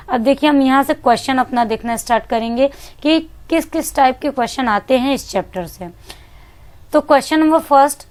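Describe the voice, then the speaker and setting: A woman's voice: high-pitched, a little mellow. A woman teacher giving an exam-prep lesson, mixing in English words, asking questions and answering them herself, repeating key points. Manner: mixes English words into Hindi.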